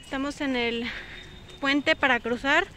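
Mexican woman vlogging, kinda high voice, chatty, says stuff twice, bit of hiss behind. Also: steady tone, unhurried. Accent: Mexican Spanish. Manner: chatty, repeats phrases for emphasis. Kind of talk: casual vlog chat.

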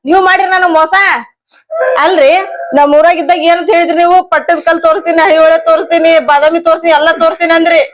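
A woman's voice: extremely high pitch, flat delivery, racing. A woman with a North Karnataka accent, acting a wife in a comedy sketch, scolding and complaining. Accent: North Karnataka Kannada.

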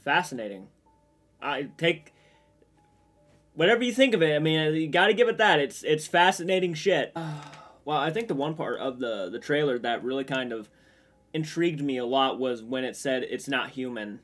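A man's voice: a little high, animated, normal speed, fairly bright tone, faint music behind. Chatty young man reacting to a trailer. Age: young adult. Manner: rambling, chatty, lots of restarts and fillers. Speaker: trailer reaction channel host. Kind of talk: casual reaction commentary. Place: small room with shelves of horror collectibles.

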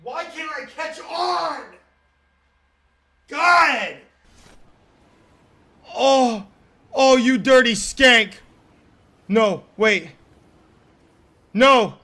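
A young man with a lisp, streaming a game live and yelling and swearing in bursts of rage. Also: very high voice, drawn-out words, pauses often, breathy edge. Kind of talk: raging live-stream commentary.

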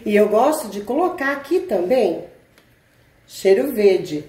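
A woman's voice: medium pitch, expressive, slow pace, dark tone. A Brazilian woman hosting a home cooking tutorial, chatting casually with viewers and checking in with them every few words. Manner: chatty, asks "tá?" constantly, addresses viewers as "gente". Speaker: cooking channel host. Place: home kitchen, indoors. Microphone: camera mic, speaker off-camera. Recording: echoey kitchen room.

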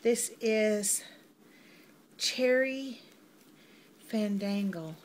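A middle-aged woman, chatting warmly through an unboxing, gushing over each item and calling viewers y'all. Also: medium pitch, very slow. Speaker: vlogger unboxing a mail order. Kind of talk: casual unboxing chat. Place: home. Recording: noisy home recording with crinkling packaging.

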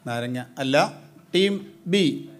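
A man hosting a live quiz as quizmaster, briskly prodding the teams and questioning their answers. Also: fairly high pitch, lively intonation.

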